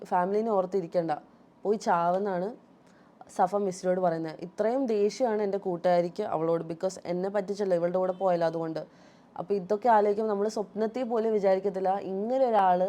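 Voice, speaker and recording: A woman's voice: mid-range voice, mellow. A woman vlogger with a Malayali accent, telling viewers a personal story in an aggrieved, emphatic way.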